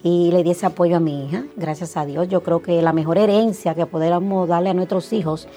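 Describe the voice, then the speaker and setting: A middle-aged woman from the Dominican Republic with a Dominican Spanish accent, a guest telling her life story in a casual interview, animated and acting out past conversations with many fillers. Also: fairly low pitch, brisk, faint music behind. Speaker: interview guest, insurance agency owner.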